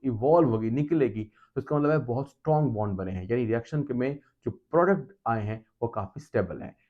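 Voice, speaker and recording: A man teaching a chemistry lesson, explaining step by step in a patient, repetitive way and slowing right down to read out English definitions. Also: medium pitch, mellow, muffled recording. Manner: mixes Hindi-Urdu with read-out English definitions, slowing down sharply for them; addresses students directly, patient and repetitive. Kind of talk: recorded classroom lecture, explaining step by step.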